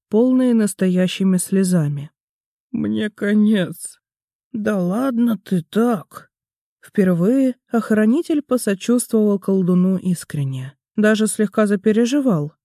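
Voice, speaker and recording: A man reading a fantasy audiobook aloud in a measured, even storytelling manner. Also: high voice, no room sound, clean studio sound. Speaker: audiobook narrator. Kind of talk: scripted fantasy narration.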